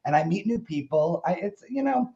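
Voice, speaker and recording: Male, campy gossipy drag queen, highish creaky voice, casual chat over a dull video call. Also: expressive, normal speed, mellow. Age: middle-aged. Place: room at home, indoors.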